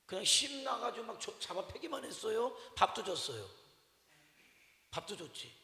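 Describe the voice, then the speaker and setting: A man's voice: sits high, big pitch swings, normal speed, vocal fry, sharp tone. A male pastor preaching a sermon to his congregation, talking conversationally, quizzing them with repeated questions and telling stories about his mother with humor. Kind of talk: sermon at a Wednesday evening service. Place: church sanctuary. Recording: echoey church hall with long reverb.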